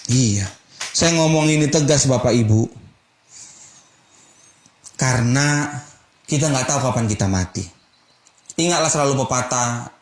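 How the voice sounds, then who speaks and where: A male pastor preaching a sermon from the pulpit, blunt and emphatic, full of rhetorical questions. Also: mid-range voice. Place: church sanctuary. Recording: roomy church echo.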